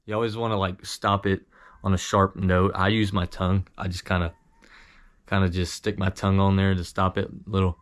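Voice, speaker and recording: A man giving an informal instructional talk as an amateur hunter, modest and halting in how he explains things. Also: low voice, little pitch movement, slight background noise. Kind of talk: casual instructional talk with demonstrations.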